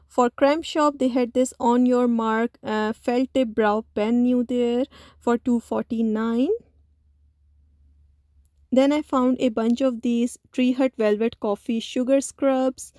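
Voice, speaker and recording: A woman narrating a store shopping video in a voice-over, speaking slowly. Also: a little high, dark tone, dry recording, clean studio sound. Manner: slow, listy, with many "uh" pauses. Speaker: shopping vlogger.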